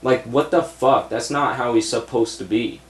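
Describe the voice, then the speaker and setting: A man's voice: mid-range voice, normal speed, roomy sound. A young man reviewing a movie in a blunt, profane, exasperated rant, seated at a desk in a small room full of shelves. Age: young adult.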